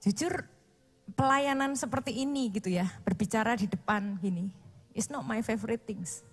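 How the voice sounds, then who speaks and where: A woman's voice: a little high, moderate pace, slightly rough, soft background music. A woman preacher giving a casual, conversational sermon, mixing English phrases into her talk and acting out her own pleading prayers.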